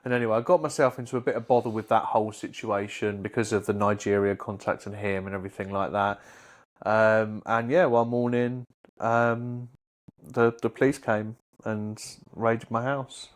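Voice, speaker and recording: A man in his late thirties chatting on a podcast with a mate. He swears freely and his voice shoots up high whenever he gets worked up in an argument. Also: fairly even intonation, normal speed. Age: 30s. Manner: sweary, jumps to a high pitch when arguing. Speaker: podcast co-host. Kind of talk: casual chat.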